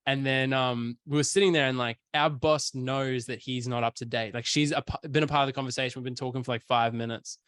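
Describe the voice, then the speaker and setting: Young man, lively storyteller, casual podcast host, dry close sound. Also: medium pitch, fairly quick, hardly any pauses, smooth, dry recording. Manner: animated storyteller, acts out quotes. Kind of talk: casual chat.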